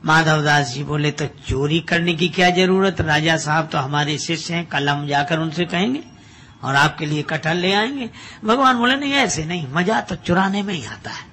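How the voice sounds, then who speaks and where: Gravelly older man telling a devotional tale. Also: fairly high pitch, normal speed, a little hiss or hum. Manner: acts out dialogue of story characters with shifting loudness. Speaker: spiritual discourse speaker. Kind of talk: humorous devotional storytelling sermon.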